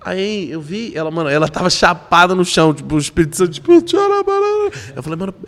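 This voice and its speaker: Young man telling lively stories, reverby room. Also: on the high side, quick pace. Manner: animated, acts out voices in stories. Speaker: podcast guest. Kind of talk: casual storytelling. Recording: long hall reverb.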